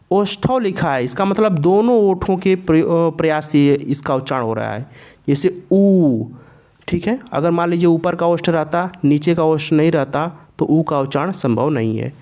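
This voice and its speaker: A man teaches a Sanskrit pronunciation lesson framed as a grammar explanation, slowly and deliberately sounding out each letter and repeating every sound aloud for learners. His voice is a little high and a little mellow.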